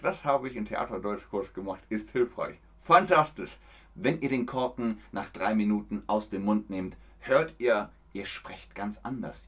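Male livestream teacher, husky voice, precise and emphatic stage German articulation. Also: medium pitch. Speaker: host teaching a livestream language lesson. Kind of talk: live lesson, talking with chat.

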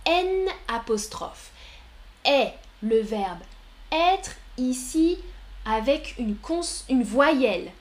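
Slow, high-voiced French teacher. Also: female voice, big pitch swings. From France. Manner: slow, deliberate, repeats single words for learners; reads and answers viewers' chat messages. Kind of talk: live online language lesson.

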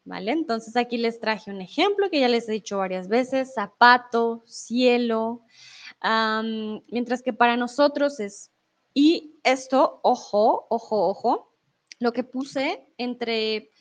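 A woman's voice: a little high, animated, takes it slowly. Chatty Colombian woman teaching Spanish. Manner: chatty, explains with examples and asks "¿vale?". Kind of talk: casual live lesson, reading viewer comments.

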